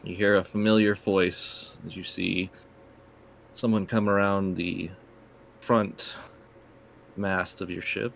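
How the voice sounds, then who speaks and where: A man's voice: sits low, little pitch movement, takes it slowly, vocal fry, pauses often, a bit bright, a little hiss or hum. A man working as game master, improvising descriptive narration for a tabletop role-playing game.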